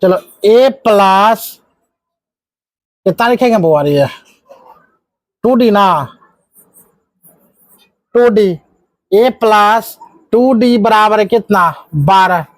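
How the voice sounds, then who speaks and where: High-voiced teacher quizzing his class. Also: extremely slow, long pauses, dry recording. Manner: coaxing call-and-response, scolding asides. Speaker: math teacher. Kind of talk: live classroom lesson.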